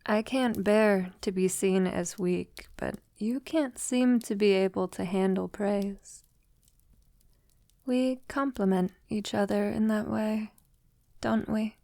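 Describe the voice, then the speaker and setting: A woman plays a centuries-old vampire, elegant and affectionate yet vulnerable, addressing her lover in an intimate audio roleplay with formal wording. Her mid-range, gravelly voice stays slow, soft and tender, slipping often into near-whisper, and her mood is fond and teasing. There is no echo; the sound is very dry.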